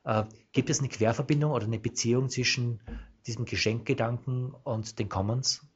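A man hosting a radio interview, halting and searching for words as he asks his questions. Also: mid-range voice, steady tone, husky, highs cut off. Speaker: radio host.

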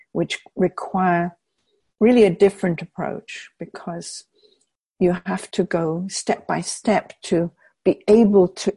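An older woman from England giving measured, thoughtful interview answers, with frequent restarts as she gathers her words. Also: lowish voice, gravelly, warm tone, husky, no room sound. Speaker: interviewee, peace researcher.

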